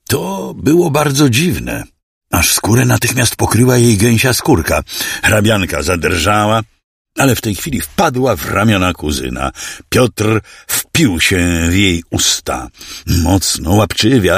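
A man's voice: deep voice, gravelly, no echo, studio quality. A man narrating an audiobook in a dramatic storytelling manner.

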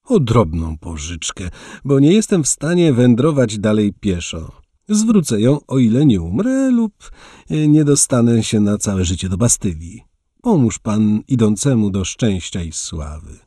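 A man's voice: lowish voice, big pitch swings, a little slow, mellow, breathy edge, no echo, studio quality, full character voice. A male narrator voicing a boastful, elegant young adventurer who speaks grandly. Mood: cheerful boastful. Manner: bold, grandiose.

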